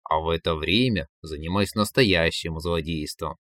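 A man voicing Koschei, a sly, lazy male villain who drawls his lines low and slow. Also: fairly bright tone.

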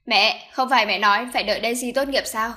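An indignant young man arguing hard against his mother, as a woman narrator reads him. The voice stays fairly high and agitated throughout this audiobook scene. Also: fast, pushed and bright. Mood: protesting. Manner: protesting, agitated. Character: indignant young adult son. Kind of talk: audiobook character voice.

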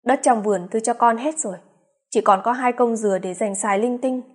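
Woman doing blunt bitter man in his fifties, breathy. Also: very high-pitched, a little fast. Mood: resolute. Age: 50s. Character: aging man, bitter, resolute about divorce.

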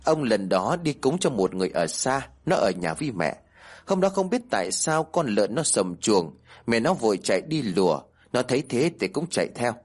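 Husky-voiced man telling a horror story. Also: mid-range voice, moderate pace. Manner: animated storytelling with voiced characters.

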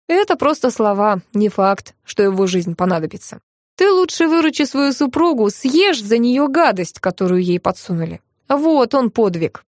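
A woman narrating a comic novel in a lively, wry first-person telling. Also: mid-range voice, no echo, clean studio sound. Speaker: audiobook reader.

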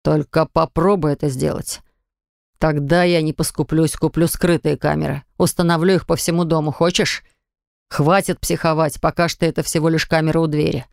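A domineering husband in an audiobook, stern and unhurried, with a gravelly, low-set voice as a woman narrator puts him on. The sound is close and dry, with no room around it. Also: little pitch movement, darkish tone, no room sound. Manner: cool, clipped, low and unhurried.

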